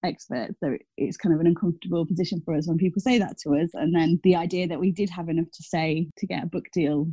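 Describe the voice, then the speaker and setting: A woman's voice: lowish voice, fast talker, few pauses, warm tone, slightly rough, no echo. A woman in her thirties, a teacher speaking casually as an interview guest, chatty with many fillers and self-corrections. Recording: dull, dry lo-fi sound.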